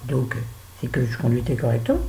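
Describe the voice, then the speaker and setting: A woman's voice: extremely low pitch, big pitch swings, a little fast, dark tone, slight background noise, rough recording. A middle-aged woman vlogging while she does her make-up, chatting and telling a story with exasperated asides. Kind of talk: casual chit-chat while doing make-up.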